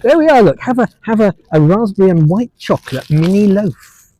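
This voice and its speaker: Podcast co-host, man, teasing banter, animated delivery. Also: high-pitched, brisk. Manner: playful, teasing, chuckles often. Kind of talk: casual chat.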